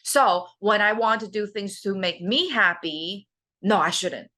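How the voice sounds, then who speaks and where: Bright-voiced woman, earnest coach. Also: mid-range voice, unhurried. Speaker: host, life coach. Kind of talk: motivational self-help talk.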